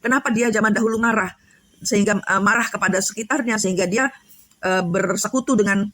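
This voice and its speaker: A woman's voice: mid-range voice, brisk, a bit bright, dry recording. A woman giving a spiritual coaching talk, rambling with many fillers and restarts. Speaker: tarot reader and spiritual coach. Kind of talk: casual spiritual chat.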